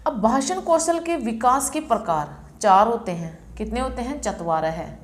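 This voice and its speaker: A woman's voice: a little high, expressive, slight background noise. Confident woman teaching exam tricks. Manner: confident, repeats key terms slowly for memorising. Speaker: Sanskrit teacher. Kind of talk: exam-prep lecture.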